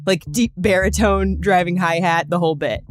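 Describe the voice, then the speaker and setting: Over music, a woman podcast host reads scripted narration in a conversational, storytelling manner, slipping in wry, joking asides. Her voice is on the low side and moves at a normal speed.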